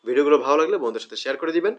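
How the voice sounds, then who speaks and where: A man's voice: on the high side, animated, very fast, muffled recording. A man with a slightly raised voice teaches pronunciation in an online lesson. He speaks patiently to his viewers, repeating each example word several times and asking if they follow. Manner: addresses viewers directly, frequent check-ins.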